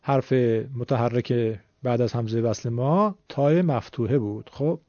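A man with a mid-range voice delivers a classroom-style explanation of Quran recitation rules. Patient and methodical, he checks in with students through questions. The sound is dull, dry, and lo-fi.

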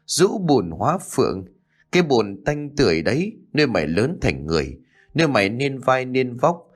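A man's voice: medium pitch, expressive, moderate pace, natural voice. A man voicing a poor elderly village mother, tearful and trembling as she pleads and scolds. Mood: outraged.

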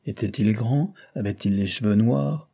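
A man reading aloud voices a sensible young woman who speaks briskly and dismissively to her mother. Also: lowish voice, creaky, mellow. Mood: brisk, questioning.

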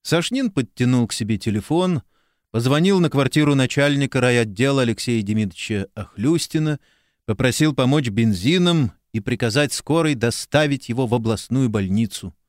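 A man narrating a literary audiobook in a measured, expressive reading. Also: mid-range voice, dry recording, clean studio sound.

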